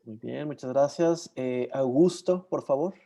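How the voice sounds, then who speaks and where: A man hosts an online session, his voice mellow and warm in tone. He talks in a halting way, often pausing as he searches for words and names. The sound comes through a video call. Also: mid-range voice, vocal fry, slight background noise. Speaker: moderator. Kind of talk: casual online session hosting.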